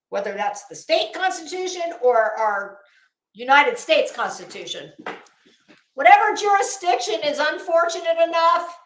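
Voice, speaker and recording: Speaking to her livestream audience with blunt scorn, this host hammers points home by repeating phrases emphatically. Her voice is high and a bit bright, and the audio is poor with a roomy sound.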